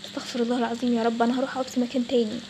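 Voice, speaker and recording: A woman's voice: a little high, flat delivery, racing, background noise, pitched below the performer's own voice, lightly acted. A woman with an Egyptian Arabic accent voicing an exasperated young bank clerk in a toy role-play story. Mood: annoyed. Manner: exasperated, snapping back.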